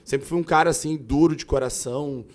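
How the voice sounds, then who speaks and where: Animated male pastor telling a story. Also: on the high side, a little fast. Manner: animated storyteller, often says "cara". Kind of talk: casual podcast storytelling.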